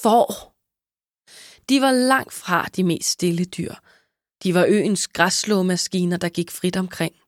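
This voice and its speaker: A woman narrating a children's story in a lively, expressive way. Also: medium pitch, no room sound, clean studio sound. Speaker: audiobook narrator. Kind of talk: scripted narration.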